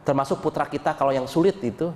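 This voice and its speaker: A man preaches with animated energy, his fairly high voice ringing through a hall with a long echo. Faint room ambience sits under his words as he moves between chanted dhikr and casual asides. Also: fast, a little hiss or hum. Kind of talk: Islamic sermon. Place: mosque hall.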